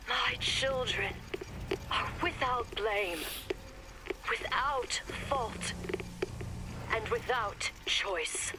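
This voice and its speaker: An actress playing a zealous, tormented woman preaching sin and redemption in a solemn, measured game monologue. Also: a little high. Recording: heavy noise over the recording.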